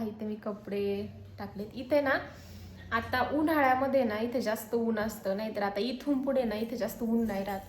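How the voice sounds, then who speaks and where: A woman's voice: on the high side, reverberant, a little hiss or hum. A young woman chatting casually for her home vlog, filming on her phone. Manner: chatty, talks to her little son in a coaxing sing-song voice. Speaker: mom vlogger. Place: small room at home. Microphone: handheld phone.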